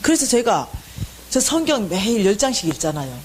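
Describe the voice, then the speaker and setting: A woman gives a testimony sermon as a church finance lecturer. She tells her story to the audience and acts out her prayers loudly. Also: mid-range voice, sing-song, fairly quick, slight background noise. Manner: speaks to the audience directly.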